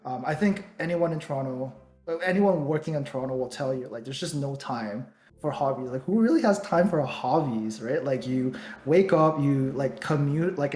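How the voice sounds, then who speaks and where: This young Taiwanese man co-hosts a casual podcast chat, his mid-range voice captured with a roomy sound. He's relaxed and rambles on, full of ums and likes.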